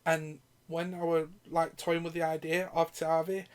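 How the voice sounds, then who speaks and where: A man's voice: a little high, level tone, moderate pace, clean tone. A man hosting his gaming channel, casually answering viewer questions while giving live gameplay commentary. He rambles, swears freely and laughs often.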